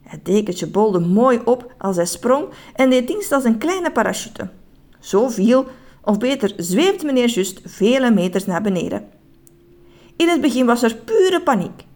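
A woman reading a children's story aloud in an expressive, animated way. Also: medium pitch.

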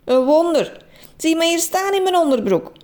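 Woman voicing a shrill, excitable lady. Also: very fast. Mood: indignant. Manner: high, exclaiming, breathless delight. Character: excitable woman, proud of her new dress.

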